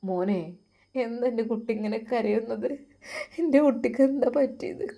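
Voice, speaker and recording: A woman's voice: a little high, normal speed, creaky, mellow. A woman voicing a worried, loving mother in a Malappuram Malayalam accent. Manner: anxious and tender.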